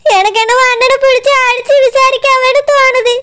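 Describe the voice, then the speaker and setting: A woman's voice: very high-pitched, steady tone, fairly quick, bright, forceful tone. Woman playing a sobbing young village wife. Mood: tearful. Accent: Tirunelveli Tamil. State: crying.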